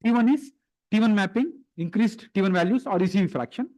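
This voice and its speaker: A man's voice: high voice, lively intonation, fairly quick, darkish tone, low-quality recording. A man giving a conference lecture at a medical symposium, explaining step by step, repeating key phrases and often restarting.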